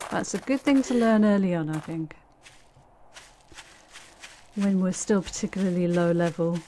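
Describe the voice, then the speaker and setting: A woman's voice: on the low side, normal speed, warm tone, slight background noise. A woman giving casual let's-play commentary, chatty and thinking aloud with dry little asides.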